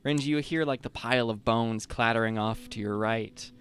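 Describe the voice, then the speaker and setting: A man's voice: medium pitch, moderate pace, a bit bright, clear, resonant tone. A man narrating as game master at a tabletop game, rambling casually with lots of filler words and cheering his players on.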